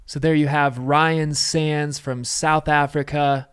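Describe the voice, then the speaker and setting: A man commentating a race livestream, giving calm, informative updates. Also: a little high, slow pace, smooth. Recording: noisy live stream.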